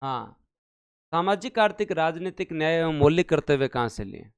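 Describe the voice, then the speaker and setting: Leading a live exam-prep session online, this teacher from India drills his audience by repeating questions and chanting numbers. He speaks at a moderate pace with a slightly high voice, lively intonation, and a clear, resonant tone.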